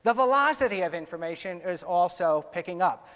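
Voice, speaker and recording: On stage in an indoor conference hall with long, echoey reverb, a man with an American accent delivers a keynote on research findings. His voice is high, animated, brisk and a bit bright. He keeps it conversational and often corrects himself.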